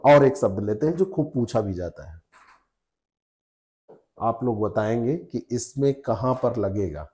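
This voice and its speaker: A man's voice: medium pitch, animated, a little slow, pauses often, warm tone. A man teaching spelling rules to exam students, repeating each rule patiently and checking with the class. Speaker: Hindi exam tutor.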